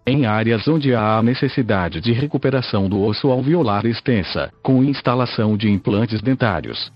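A synthetic text-to-speech man's voice with a Brazilian accent, reading a scripted podcast narration in a mechanical, measured way. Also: medium pitch, slightly rough, lo-fi sound. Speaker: podcast host.

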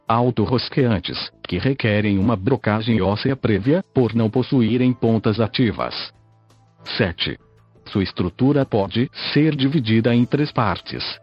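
Brazilian male podcast narrator, old text-to-speech synthesizer sound, mechanical read, slightly husky, muffled recording. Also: medium pitch, dry recording. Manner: stiff, mechanical reading. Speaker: podcast host. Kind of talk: scripted narration, reading an article aloud. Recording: muffled lo-fi audio with music.

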